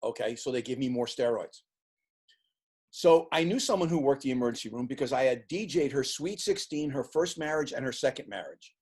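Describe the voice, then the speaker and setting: A man in his sixties, an interview guest who tells lively stories and acts out the voices of the people in them. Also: mid-range voice, a little fast, slightly rough. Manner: animated storyteller acting out quoted voices. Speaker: interview guest, sports team executive. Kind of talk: casual storytelling in an interview.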